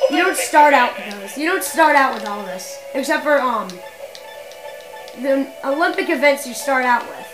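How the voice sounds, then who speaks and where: A woman with a high voice, speaking at a normal pace, gives loose, rambling commentary over her own gameplay, often restarting and fixing her sentences partway through. She makes gameplay videos, and loud game music plays behind her on a low-quality recording.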